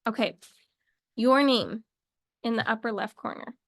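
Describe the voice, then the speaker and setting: A woman's voice: fairly high pitch, unhurried, dry recording, clean studio sound. A young woman teaching a casual English lesson to camera, chatty and playful, wandering off into little asides.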